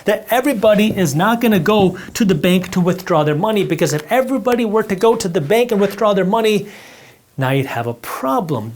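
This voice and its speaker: With a high and mildly mellow voice, a man whose mother tongue is Punjabi lectures on personal finance. He uses a board for drawings and speaks to the viewer bluntly and with emphasis.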